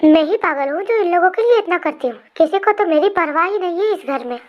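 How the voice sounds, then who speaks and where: A woman's voice: extremely high pitch, lively intonation, brisk, muffled recording. A woman voicing an overworked sister-in-law who complains and scolds the family, in a fan storybook reading. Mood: complaining. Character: nagging sister-in-law, busy homemaker.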